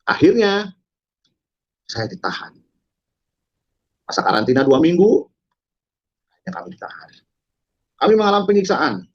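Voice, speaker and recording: A man telling his story to an audience in a dramatic testimony, halting with many fillers and breaking into loud quoted shouts. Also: medium pitch, dull audio. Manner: halting, frequent fillers and restarts. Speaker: testimony speaker. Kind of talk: dramatic spoken testimony to a congregation.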